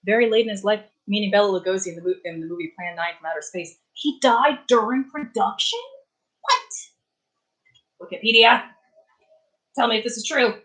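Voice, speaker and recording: A woman's voice: mid-range voice, rapid-fire, few pauses, rough recording. A young adult woman hosting a casual live stream from her apartment, chatting in a rambling way with many fillers and restarts. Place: warm apartment.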